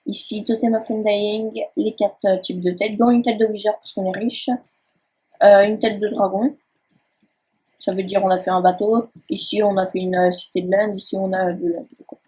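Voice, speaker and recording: Breathy young woman rambling through a game tour. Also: mid-range voice, little pitch movement, normal speed, warm tone, low-quality recording. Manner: rambling, hesitant, many fillers. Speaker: gaming channel host. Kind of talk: casual game-tour commentary. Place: at home by a laptop.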